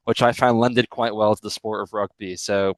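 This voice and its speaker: A young man from Hong Kong speaks as a guest on a casual podcast, his voice sitting low. He goes on at length and corrects himself mid-sentence as he explains. The sound is dry, with no room around it. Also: steady tone, normal speed, no room sound, poor audio. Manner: expansive, talks at length with self-corrections. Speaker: guest, rugby player.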